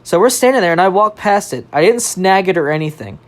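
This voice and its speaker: A young adult podcast storyteller, animated and loose, dropping swear words and laughing along. The voice is mid-pitched, and the delivery is casual chat. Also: fairly quick. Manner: animated, swears freely, laughs while telling.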